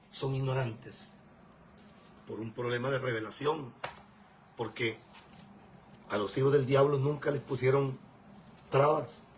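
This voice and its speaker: A man's voice: medium pitch, a little mellow, slight background noise, poor audio. A man preaching a sermon as a pastor, emphatic and scolding. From Venezuela.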